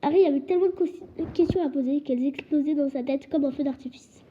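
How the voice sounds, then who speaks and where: A woman reading a storybook aloud, steady, with occasional slips. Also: sits high, fast talker, a little hiss or hum. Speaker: audiobook reader. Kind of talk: storybook narration. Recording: dull lo-fi recording.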